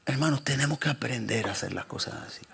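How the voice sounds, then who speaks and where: A man preaching a sermon as pastor, swinging between loud and soft passages. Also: medium pitch, quick pace, vocal fry, husky.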